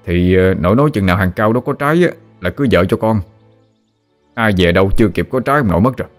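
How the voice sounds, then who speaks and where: A man's voice: on the low side, expressive, quick pace, soft background music, close to an everyday voice. A man with a Southern Vietnamese accent voicing an exasperated grown son who protests against his father. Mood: protesting. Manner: protesting, raised voice.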